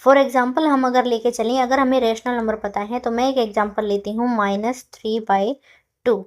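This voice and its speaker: A woman with a slightly high voice teaches a maths lesson. She walks through each step by asking questions and answering them herself, mixing English terms into her explanation. When she dictates definitions she draws the words out slowly, one by one. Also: fairly even intonation. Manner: slow, drawn-out dictation of definitions word by word.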